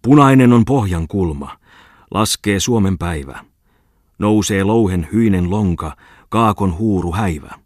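A man's voice: deep voice, expressive, darkish tone, dry recording, studio quality. A man voicing a drunk male newspaper editor who fiercely declaims his own patriotic poem in an audiobook. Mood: fierce declaiming. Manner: pathetic, fiercely declaiming verse.

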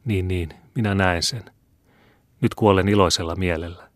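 A man's voice: sits low, fairly even intonation, no echo, studio quality, lightly acted. A man voicing a passionate dying mother who speaks in an impassioned way, in an audiobook. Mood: fading. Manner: impassioned, pleading.

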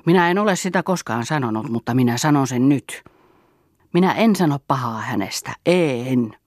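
A man's voice: medium pitch, lively intonation, no echo, clean studio sound, natural voice. A man voicing a male drinker earnestly confessing his endless thirst. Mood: rueful.

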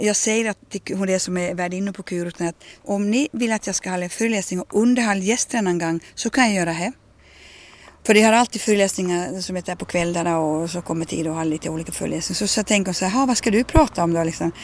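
A woman, telling personal stories in a radio conversation and acting out the dialogue she quotes. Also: medium pitch. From Ostrobothnia, Finland. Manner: animated, acts out quoted dialogue. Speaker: interviewee.

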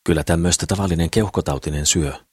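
A man's voice: low-pitched, husky, no room sound, studio quality. A man reading the lines of a poor, frail crippled little man in an audiobook, mild and plain-spoken. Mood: meek.

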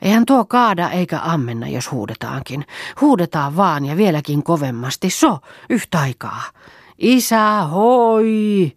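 A woman reading the part of an eager young farm girl who calls out high and loud in an audiobook. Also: very animated, slightly rough, no echo, studio quality, heavily acted.

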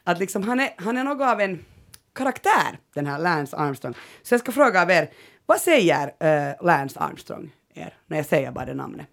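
Creaky-voiced Finland-Swedish woman. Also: fairly low pitch. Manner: lively storyteller, retells scenes with animated quoted outbursts. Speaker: podcast host. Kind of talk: casual chat.

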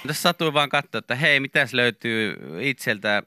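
A man's voice: mid-range voice, clean tone, no room sound, studio quality. A man co-hosting a morning radio show, chatting casually and rambling through his stories with lots of fillers. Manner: rambling, relaxed, many fillers. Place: radio studio. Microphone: studio microphone.

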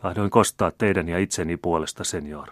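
A man reading aloud the lines of a wounded Spanish assassin, who speaks low and bitterly. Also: no room sound, close to an everyday voice. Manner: muttering and bitter.

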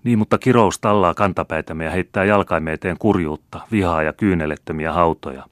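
A man's voice: sits low, dry recording, clean studio sound, lightly acted. A man reading a dreamy, bitter seventeen-year-old count who speaks with passion in an audiobook. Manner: impassioned, bitter.

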